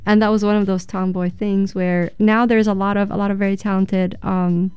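A woman's voice: mid-range voice, little pitch movement, moderate pace, a little mellow, smooth, dry recording. A woman from Egypt on a radio talk show, telling reflective stories with many fillers. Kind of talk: casual radio chat.

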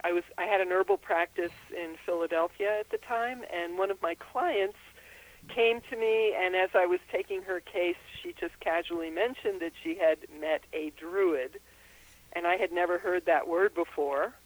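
An older woman from Austria, who is an author and herbalist, gives a phone interview in a reflective, explanatory style peppered with ums. She speaks at a normal speed in a fairly low voice, and the audio quality is poor.

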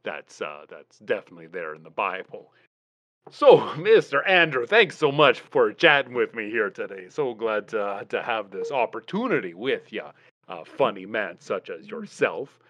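A man's voice: fairly low pitch, very animated, normal speed, a bit bright, no echo. A man hosting a comic podcast and talking over the phone, rambling in a folksy way with plenty of "you know" and "uh". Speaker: podcast host. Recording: dull, dry phone line sound.

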